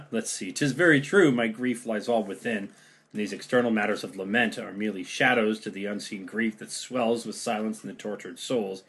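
A man reading a husky, bitter deposed king. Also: on the low side, moderate pace, fairly bright tone. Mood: bitter, wry. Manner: declaiming verse with wry sarcasm. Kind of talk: amateur play read-through.

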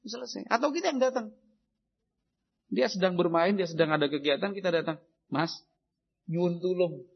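Man, preacher, high voice, gravelly, husky, dull lo-fi sound. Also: fairly quick. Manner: animated, acts out shouted parent and child exchanges. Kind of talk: Islamic parenting sermon. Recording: dull lo-fi recording.

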